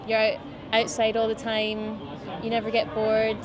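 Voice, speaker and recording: A woman's voice: fairly high pitch, unhurried. Young Scottish woman chatting outdoors. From Scottish Highlands. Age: 20s. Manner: relaxed, rambling with many fillers. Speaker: musician guest. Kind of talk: casual interview chat. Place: outdoors by a city riverbank. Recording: outdoor crowd noise behind.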